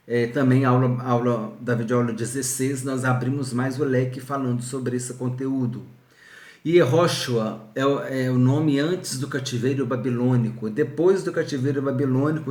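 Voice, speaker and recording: Bible teacher man in an echoey room. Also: mid-range voice. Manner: explanatory, many restarts and repeated words. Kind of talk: recorded video lesson.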